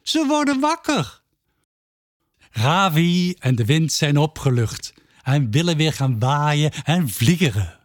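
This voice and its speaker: Guy reading a kids story, slow and animated, a bit gravelly, dry close sound. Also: a little high, dry recording. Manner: lively, expressive storytelling.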